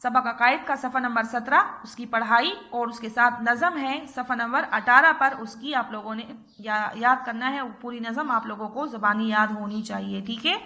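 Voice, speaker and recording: A woman's voice: on the high side, pushed and bright. A woman teacher with an Urdu-speaking Pakistani accent, giving a recorded class lesson to young children and patiently drilling letter sounds. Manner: patient, repeats "theek hai" often, drills letters slowly.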